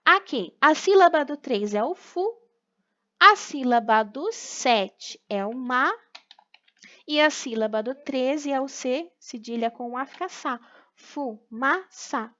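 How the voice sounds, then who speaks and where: A woman's voice: high-pitched, lively intonation, fairly bright tone, dull audio. Patient Brazilian woman teaching a class. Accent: Brazilian Portuguese. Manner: patient, explains slowly, checks in with "tá?" and "né?". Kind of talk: recorded remote class lesson.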